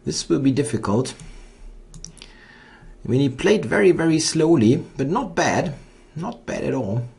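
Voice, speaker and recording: A man giving live think-aloud chess commentary on his own blitz game, halting and muttering to himself as he thinks. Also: on the high side, big pitch swings, gravelly, a little mellow.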